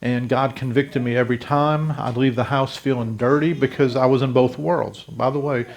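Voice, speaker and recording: A man in his fifties from South Louisiana preaches his testimony, speaking straight to the people in the pews. His voice has a gravelly edge and sits at an ordinary pitch for a man. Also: steady tone, moderate pace. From South Louisiana, USA. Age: 50s. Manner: earnest storytelling, addresses the congregation directly. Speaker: pastor. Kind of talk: testimony sermon.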